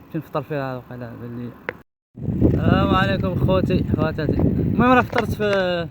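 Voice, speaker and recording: A man's voice: high-pitched, expressive. A man with a Moroccan accent chatting casually to viewers in a loose, repetitive way, recorded outdoors with wind on the mic. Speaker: cycling travel vlogger. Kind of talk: casual vlog chat to viewers. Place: outdoors on a coastal bike trip. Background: loud wind-like rushing noise.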